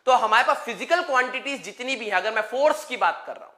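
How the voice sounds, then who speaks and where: A man's voice: very high-pitched, expressive, quick pace, sharp tone. A man teaching a live online physics lecture, joking with students and mixing English terms into his explanations. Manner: playful, joking, mixes English terms into speech.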